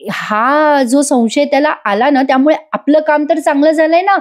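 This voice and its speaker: A woman's voice: sits high, moderate pace, pitched above the performer's own voice, lightly acted. A woman voicing a thoughtful young wife who reasons aloud and asks questions, in a voice-over retelling of a serial scene. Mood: earnest.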